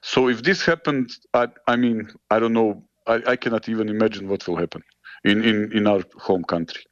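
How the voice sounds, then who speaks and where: A man's voice: lowish voice, no echo. Muffled, earnest man. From Bosnia. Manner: earnest, halting with repeated words. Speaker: band member, interview guest. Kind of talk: casual interview answers.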